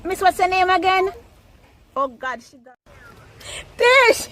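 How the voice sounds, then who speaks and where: Very high, animated Jamaican woman. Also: slow. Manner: exclamatory, animated. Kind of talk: casual, excitable phone chat.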